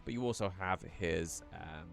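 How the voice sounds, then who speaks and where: A man casting a live esports match in a chatty, rambling play-by-play style that rises in excitement during fights. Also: deep voice, moderate pace, vocal fry, faint music behind. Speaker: esports caster. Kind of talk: live play-by-play game commentary.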